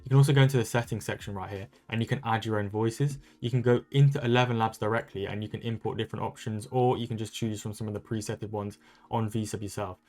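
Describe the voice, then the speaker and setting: A man talking fast and upbeat as he walks viewers through a screen-recorded tutorial. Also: fairly even intonation, a little mellow. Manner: rapid, upbeat sales-pitch delivery. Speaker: online content creator teaching social media growth.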